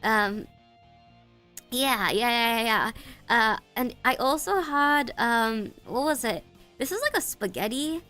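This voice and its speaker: With faint music in the background, a stuffy-voiced woman from the United States chats casually on her stream, giggling and stumbling as she goes. Her slightly high voice is expressive, slow-paced, pushed and bright.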